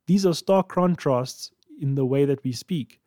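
A man's voice: a little high, unhurried, dark tone, no room sound, studio quality. A man hosting a writing podcast, reading a script with playful, jokey asides. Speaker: podcast host.

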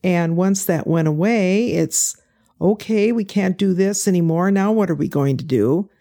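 Speaking at a normal pace in a mellow, lowish voice, an older woman guests on a relaxed interview. She volunteers at a pie sale and spins stories, playing the parts of the people she quotes.

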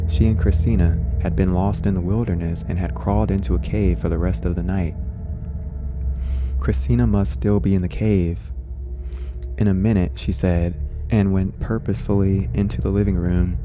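A man reading a horror short story aloud after a loose, chatty intro. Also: low-pitched. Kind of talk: casual intro and story narration.

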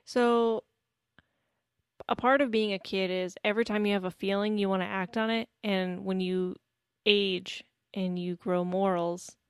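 A woman co-hosting a casual podcast, chatting about a film with deadpan, jokey asides. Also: medium pitch, unhurried, clear, resonant tone, dry recording, clean studio sound. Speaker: podcast co-host. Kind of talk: casual film discussion chat.

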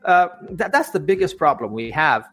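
A man's voice: a little high, very animated, a little fast, a bit bright, faint music behind. A man, a life coach, telling his story as a guest in an interview, often repeating words and restarting sentences.

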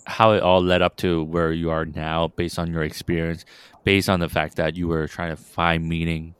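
A man's voice: deep voice, level tone, normal speed, clean tone, no echo. A man hosting an interview, asking long rambling questions full of fillers. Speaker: interview host. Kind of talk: podcast interview.

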